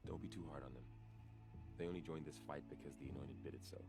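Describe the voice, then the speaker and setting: Varl, a deep earnest warrior. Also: male voice, steady tone, fast, creaky. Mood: soft. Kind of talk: video game dialogue. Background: game music.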